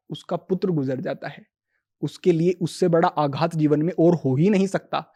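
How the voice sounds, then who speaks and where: A man with a high-pitched voice speaks as a yoga teacher on a podcast. He calmly explains spiritual ideas and quotes verses in Sanskrit.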